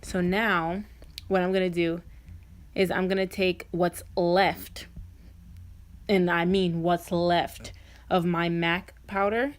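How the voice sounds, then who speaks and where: A woman's voice: fairly low pitch, flat delivery, takes it slowly, pauses often. Chatty woman doing a makeup voice-over. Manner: chatty, informal, addressing viewers directly. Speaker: beauty vlogger. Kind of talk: casual makeup tutorial voice-over.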